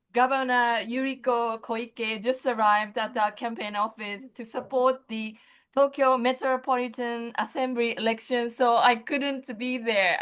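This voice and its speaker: Slow, hesitant Japanese woman on a video call. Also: fairly high pitch, fairly bright tone, clear, resonant tone. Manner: hesitant, searching for words. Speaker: local assembly member. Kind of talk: remarks over a video call.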